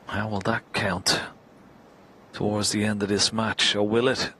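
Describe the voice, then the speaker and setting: A man giving live snooker commentary in a hushed, understated way. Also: fairly low pitch, little pitch movement, a little slow, slightly rough. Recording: crowd ambience and background noise.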